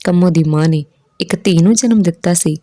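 A woman's voice: normal speed, warm tone, no room sound. A woman narrating a family story from a script, lifting her voice for the characters' lines. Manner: raises her pitch for quoted characters.

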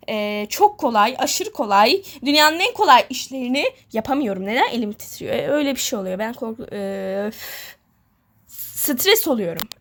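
A woman's voice: fairly high pitch, a bit bright. A woman chatting casually while playing a game, rambling, joking about herself and repeating the same words over and over. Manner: jokey and self-mocking. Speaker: gamer vlogger. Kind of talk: casual let's-play chatter.

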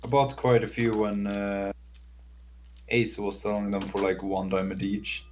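Man, low voice, relaxed gameplay chat, faint keyboard clicks behind. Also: unhurried, a little hiss or hum. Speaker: gamer in a co-op session.

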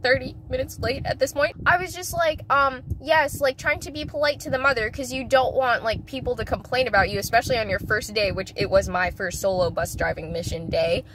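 A woman telling a story in casual chat, animated and acting out quoted dialogue with lots of filler words. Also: on the high side, brisk, hardly any pauses, background noise.

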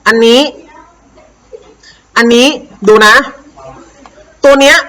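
A woman English teacher with a Thai accent, slowly and patiently explaining a worksheet to young pupils and having them repeat words. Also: high-pitched, fairly bright tone, poor audio.

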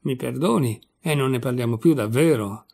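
A village innkeeper, as a male reader puts him on in an audiobook, speaking sweet and meek. The voice is gravelly with a quick temper underneath. He pleads softly. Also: medium pitch. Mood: meek pleading.

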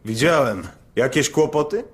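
An actor voicing a terse, laconic cowboy hero in a cartoon dub. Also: male voice, mid-range voice, animated, moderate pace, close to an everyday voice. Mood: dry.

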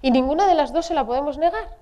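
A middle-aged woman pediatrician talks parents through a workshop. Her voice is mellow and warm, and her pitch swings widely as she acts out their worries. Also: lively intonation, fast talker.

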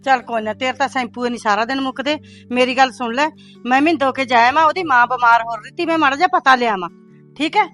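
A woman's voice: sits high, fast, a bit bright, faint music behind. A middle-aged woman acting a strict mother who nags and scolds her daughter. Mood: scolding. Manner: scolding, nagging. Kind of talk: short film dialogue.

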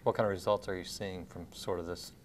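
A man hosting a TV talk show in a studio, affable and quick with short agreements. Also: low-pitched, fairly even intonation, a little hiss or hum. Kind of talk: TV interview. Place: TV studio set with blue drapes.

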